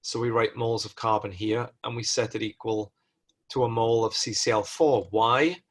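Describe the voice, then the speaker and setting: A man's voice: mid-range voice, husky. A male lecturer working through chemistry problems step by step, thinking aloud and correcting himself mid-sentence. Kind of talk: recorded lecture walkthrough.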